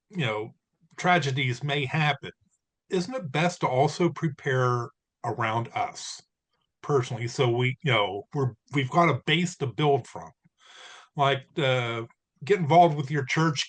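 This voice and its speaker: A man's voice: mid-range voice, lively intonation, slow pace, fairly bright tone. A man in the audience asking a question, rambling and thinking aloud with many fillers. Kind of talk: casual question on a call.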